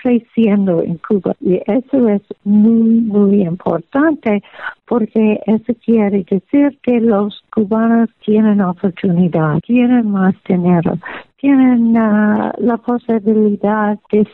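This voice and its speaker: A woman from the United States speaking as an interview guest in non-native Spanish with an American accent, halting and searching for words. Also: medium pitch, dry recording. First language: English. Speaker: interview guest, former diplomat. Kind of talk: radio interview, opinion and anecdote. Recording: phone-like narrow band radio sound.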